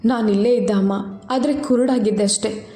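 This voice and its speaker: A young male doctor, once proud and now shaken with remorse, talks with a tense, trembling voice, as a woman storyteller puts him on. The voice sits somewhat high and carries room echo with faint music underneath. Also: steady tone, a little fast, dark tone, lightly acted.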